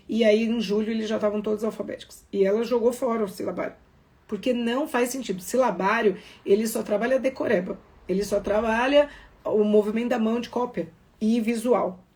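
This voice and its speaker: A middle-aged Brazilian woman with a Brazilian Portuguese accent giving a live training talk on literacy to teachers, emphatic and speaking to viewers directly. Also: fairly high pitch. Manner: animated, emphatic, addresses viewers directly as "meu amor" and "Pro".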